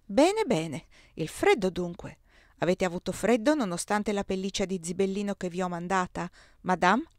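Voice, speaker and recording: A woman's voice: medium pitch, expressive, moderate pace, no room sound, studio quality, close to an everyday voice. A woman reading as a sarcastic, imperious emperor. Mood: ironic. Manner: sarcastic, commanding, bursts into shouting. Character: imperious irritable male emperor, sarcastic and quick to rage. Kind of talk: audiobook reading.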